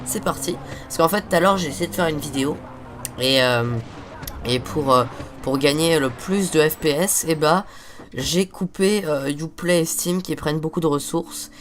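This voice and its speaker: A teenage boy with a stuffy cold hosts a casual let's-play, rambling and swearing at the game. His voice is a little high and a bit bright, at a normal speed, with a slight hiss or hum on the audio.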